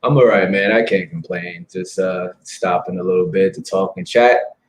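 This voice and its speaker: Low-voiced guy in his 30s, chill and friendly, chuckles a lot. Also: normal speed, rough recording. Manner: laughs easily, relaxed and friendly. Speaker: guest comic creator. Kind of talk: casual interview chat.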